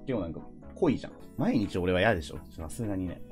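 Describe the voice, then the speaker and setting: A male streamer talks fast with his viewers, bantering and teasing. His pitch swings widely as he chats. Soft music plays underneath. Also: very animated. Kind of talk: casual chat with viewers.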